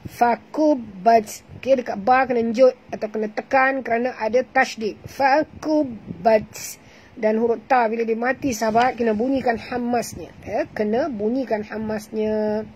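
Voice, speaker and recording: A woman with a Malaysian Malay accent runs an online tajwid class, explaining and demonstrating Quran recitation rules while patiently repeating sounds and correcting pronunciation. Her slightly high, a little mellow voice stays fairly even, moving fairly quickly with few pauses. The audio is poor, with slight background noise.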